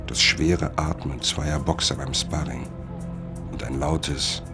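In a literary radio drama with music behind him, a male actor voices an obsessed, self-deluding writer, serving as lead and first-person narrator. His bass voice is steady and slow, and the mood is grave and brooding.

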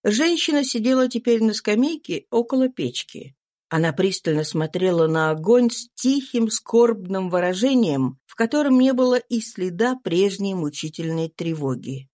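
A woman narrating a classic novel as an audiobook in a measured storytelling manner. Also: mid-range voice, lively intonation, darkish tone. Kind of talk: scripted narration.

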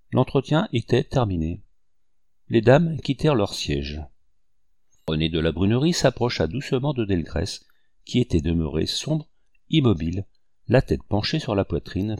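A man narrating a historical novel aloud in a measured, even reading. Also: lowish voice, gravelly, dry recording, clean studio sound. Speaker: audiobook reader. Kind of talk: scripted narration.

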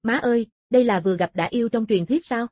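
A woman's voice: fairly high pitch, fast, darkish tone, husky, no room sound, clean studio sound. A woman voicing a chatty, easily astonished young male companion in an audiobook, exclaiming as he talks. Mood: amazed.

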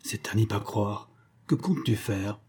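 A man's voice: on the low side, unhurried, a little mellow, breathy edge. A man voicing an anxious, greedy male hypnotist who stammers and complains. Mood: anxious, aggrieved.

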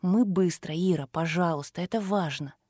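A woman reading a gentle earnest teenage girl. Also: lowish voice, moderate pace, no echo, studio quality, natural voice. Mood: pleading. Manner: earnest, pleading. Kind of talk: audiobook character voice.

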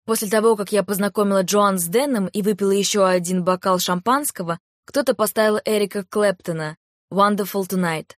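A woman reading a first-person novel aloud in a calm, even storytelling manner, close to a studio microphone. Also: mid-range voice, brisk, few pauses, dry recording. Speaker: audiobook narrator. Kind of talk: first-person audiobook narration.

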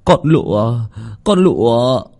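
A man's voice: mid-range voice, very animated, takes it slowly, dark tone, pitched above the performer's own voice. A man doing a stammering, terrified young servant. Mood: panicked. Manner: stammering, panicky.

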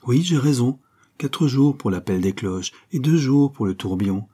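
A man's voice: medium pitch, expressive, moderate pace, warm tone, husky, voice pushed up. A man reading a novel aloud, voicing an eager young sailor who has become a writer. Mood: earnest. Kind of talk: audiobook character reading.

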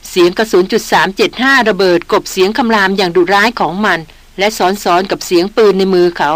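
A woman reading an adventure novel aloud as an audiobook narrator, telling the story in a measured, vivid way. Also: mid-range voice, no room sound.

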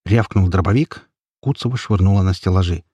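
A man narrates a first-person audiobook with a low, husky voice and a steady, measured delivery. The recording is dry and close, with no room sound. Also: dry recording.

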